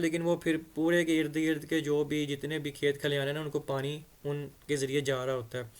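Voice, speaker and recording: Man slowly drilling English pronunciation. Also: on the high side. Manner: reads English phrases slowly, then explains them at length; repeats words to drill pronunciation. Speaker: English teacher. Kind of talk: explaining an English story in Urdu.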